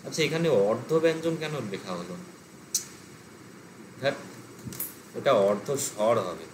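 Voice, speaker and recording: A man's voice: mid-range voice, very animated, measured pace, a little hiss or hum, poor audio. A man teaching an online language class, explaining step by step, thinking aloud with fillers. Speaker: Pali teacher.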